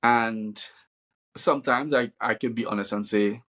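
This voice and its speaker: A man from Trinidad and Tobago, a father and host, chatting in a relaxed way and thinking aloud with lots of fillers. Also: on the low side, unhurried. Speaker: podcast host. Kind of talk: casual conversation.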